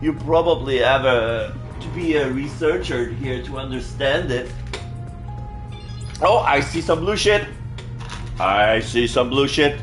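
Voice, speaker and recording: A man's voice: medium pitch, expressive, unhurried, fairly bright tone. A man playing a video game, commenting casually and playfully and reading the on-screen text aloud. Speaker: let's play streamer. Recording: background music under the voice.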